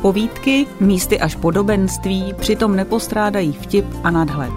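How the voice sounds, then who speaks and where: A presenter reviewing audiobooks in a measured, informative way. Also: medium pitch. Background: music bed.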